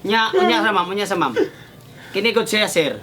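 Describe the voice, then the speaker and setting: A man playing a show host in a comedy skit, coaxing and calming both sides with laughs. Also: sits high, moderate pace, a crowd in the background. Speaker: mock radio host mediating a complaint. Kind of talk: comedy sketch acting. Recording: music playing behind.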